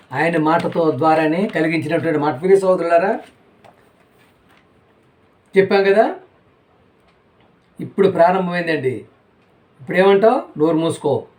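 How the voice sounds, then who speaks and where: A man's voice: high voice, darkish tone. A man preaches a sermon. He keeps asking his listeners rhetorical questions and says the same lines again and again for emphasis. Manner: rhetorical questions, repeats phrases.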